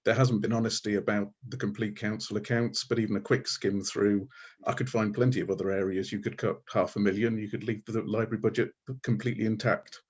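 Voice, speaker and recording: A man's voice: lowish voice, level tone, a little fast, a little mellow, breathy edge, lo-fi sound. A man speaking as a candidate in a local debate, arguing his case firmly. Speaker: Green Party candidate. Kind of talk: debate answer.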